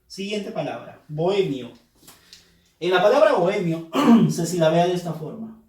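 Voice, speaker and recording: A male teacher patiently walks through a review lesson and repeats each key term so it sticks. His voice sits a little high for a man. The sound is roomy and echoing, as if the mic were set some way off. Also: lively intonation, moderate pace, darkish tone. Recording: roomy echo, mic at a distance.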